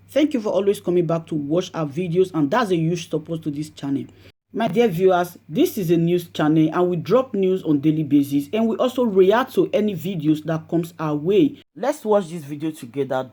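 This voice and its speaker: A woman's voice: fairly low pitch, dark tone, husky. A woman host greeting viewers politely at the start of a news channel video. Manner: polite, welcoming. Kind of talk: scripted channel intro.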